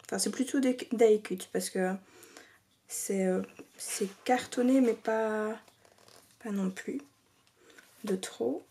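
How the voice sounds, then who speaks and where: A woman's voice: mid-range voice, slow, pauses often, mellow. A woman vlogger chatting casually while showing scrapbooking mail, hesitant with many fillers and sometimes dropping to a near-whisper. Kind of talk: casual craft show-and-tell. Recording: faint background noise and clicks.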